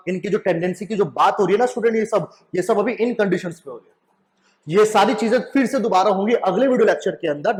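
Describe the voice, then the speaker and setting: A young man giving a chemistry lecture to students, repeating his questions back to them and often asking "right?". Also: high-pitched. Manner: mixes in English phrases. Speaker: chemistry teacher. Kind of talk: classroom lecture at a whiteboard.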